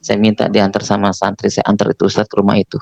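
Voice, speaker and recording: A man's voice: fairly low pitch, completely flat delivery, quick pace, vocal fry, darkish tone, lo-fi sound. A man giving an earnest spoken testimony, telling his story and acting out the dialogue himself. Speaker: former preacher giving testimony.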